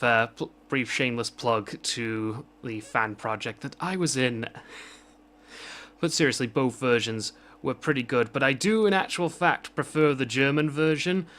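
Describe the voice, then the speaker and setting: A man's voice: medium pitch, fairly bright tone. A man ranting off the cuff in a vlog, rambling and self-mocking with frequent restarts. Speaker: vlogger. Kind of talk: unscripted rant.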